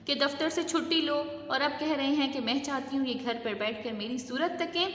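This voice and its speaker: A woman's voice: high-pitched, a bit bright. A woman teacher voicing an aggrieved, tearful middle-aged housewife who complains shrilly, read aloud in an echoey room.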